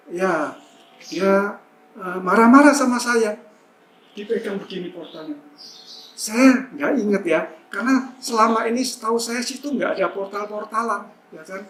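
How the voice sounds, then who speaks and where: A man's voice: high voice, unhurried, long pauses. Chatty man telling a testimony in church. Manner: chatty, rambling, with many fillers. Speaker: church member giving a testimony. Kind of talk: casual testimony storytelling. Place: church hall. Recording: echoey church hall, faint hum.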